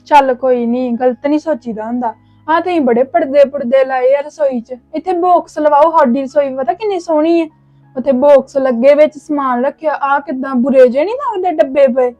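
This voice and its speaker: A woman's voice: sits high, moderate pace, no echo, highs cut off, soft background music, close to an everyday voice. A woman playing a nosy, boastful young friend in an amateur family drama, chattering away.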